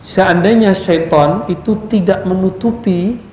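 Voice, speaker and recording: High-voiced male preacher in echoey hall. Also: measured pace, slight background noise. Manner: conversational, asks the audience questions. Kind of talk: religious lecture. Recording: echoey, dull lecture recording.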